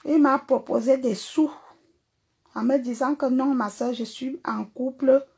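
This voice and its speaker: A woman's voice: high-pitched, steady tone, measured pace, vocal fry, a little mellow, breathy edge. A woman singer delivering an angry, mocking social media rant, hurling repeated insults. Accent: Cameroonian.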